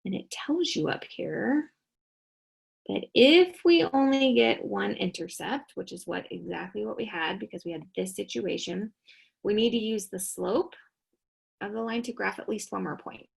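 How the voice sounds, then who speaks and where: Tired math teacher lady, super gravelly and husky, walks you through each step. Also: medium pitch, normal speed, poor audio. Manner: talks students through each step, asking and answering her own questions. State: tired, yawning. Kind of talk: recorded classroom lesson.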